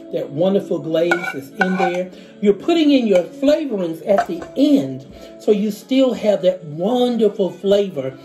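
A middle-aged man hosting a cooking demonstration in a home kitchen, explaining each step and repeating the key points. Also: sits high. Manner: instructive, repeats key steps, savoring exclamations. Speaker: cooking show host. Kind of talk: recipe demonstration. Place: home kitchen, indoors, small.

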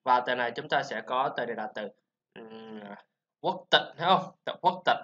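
A man with a Vietnamese accent teaching English pronunciation, drilling sounds and syllables slowly with chatty asides. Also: medium pitch, animated, fairly bright tone. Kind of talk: informal pronunciation lesson. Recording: slightly dull lo-fi sound.

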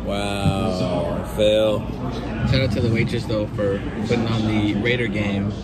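A man's voice: lowish voice, steady tone, unhurried, over a noisy crowd. A man chatting casually in an easygoing, storytelling way for his vlog. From Texas, US. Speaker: barber and vlogger. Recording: loud background noise, traffic.

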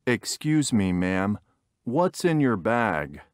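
A man acting a polite security officer in a textbook listening dialogue, speaking formally and clearly enunciated. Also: on the low side, big pitch swings, drawn-out words, no room sound, studio quality, exaggerated voice. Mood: firm polite.

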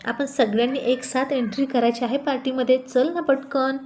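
A loud, playful older brother who keeps bossing and teasing his sister, put on by a woman narrator. He sounds cheeky and hurried, quick with a jibe. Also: high voice, steady tone, a little hiss or hum, close to an everyday voice. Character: teasing young adult brother.

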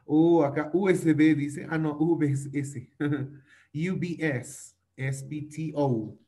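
A man's voice: a little high, fairly even intonation, takes it slowly, mellow. Patient male teacher drilling English words. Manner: patient, drills pronunciation, uses diminutives. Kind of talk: online class for children.

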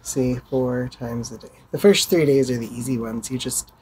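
Casual home vlogger, kinda rambly, mid pitch, little bit of faint background hiss. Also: fairly even intonation, moderate pace, darkish tone, low-quality recording. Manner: chatty, rambling, showing items to camera. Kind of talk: casual video update. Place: home, indoors.

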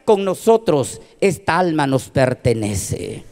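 A menacing demon growls its threats slowly and darkly, its voice dropped far below a normal speaking voice, as a Peruvian preacher puts it on. The pace crawls, with a heavy threat in every word. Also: male voice, big pitch swings, a little mellow. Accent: Peruvian Spanish. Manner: slow, low and threatening. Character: menacing demon speaking through a drunk man.

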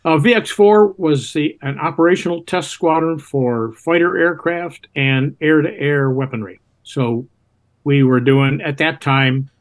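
Older American man reminiscing, halting delivery. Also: on the high side. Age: 70s. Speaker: interview guest, retired Navy test pilot. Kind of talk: reminiscing in conversation. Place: home room indoors. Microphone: video call, computer microphone.

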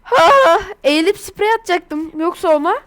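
This gaming YouTuber, a woman from Turkey, keeps up a loose, chatty commentary while she plays, her voice pitched high. She gets excited easily and often bursts out in exasperation.

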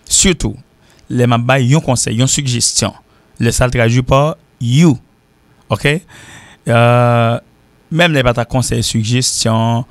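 A man from Haiti with a Haitian accent, teaching an informal language lesson and repeating example sentences slowly. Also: mid-range voice, dry recording. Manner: repeats example sentences slowly, switching between French and Creole. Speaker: English teacher.

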